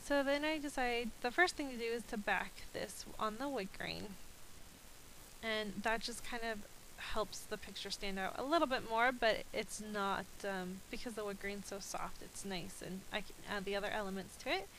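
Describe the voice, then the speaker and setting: Speaking at normal speed in a mid-range, somewhat bright voice, a woman talks through her crafting in a casual voice-over for her scrapbooking video, saying um often. Her cold makes her sound a little nasal and stuffy, and the audio is poor with slight background noise.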